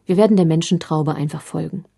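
A woman's voice: low-pitched, fast, gravelly, dark tone, breathy edge, no room sound, studio quality, heavily acted. A woman voicing a chatty, curious young woman traveler who speaks politely. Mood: urgent.

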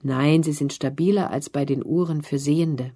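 A woman reading the part of a calm, self-assured young girl who patiently explains things in a storybook. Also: deep voice, moderate pace.

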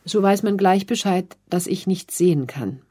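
A woman reading the part of a calm, self-assured young girl who patiently explains things in a storybook. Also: on the low side, moderate pace, slightly rough.

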